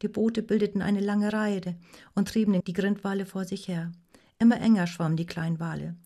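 A woman narrating a story in a measured, even storytelling voice. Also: mid-range voice. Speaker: audiobook narrator.

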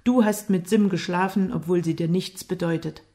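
A woman voicing a blind young man who talks in a steady, measured way, in an audiobook. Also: on the low side, close to an everyday voice. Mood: restrained.

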